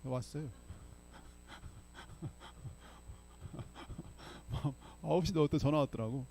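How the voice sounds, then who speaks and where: An older pastor draws out his words in a creaky, fairly high voice with a darkish tone, while a slight background noise sits beneath him. He preaches in a church sanctuary through chatty stories, often asking the congregation "예?"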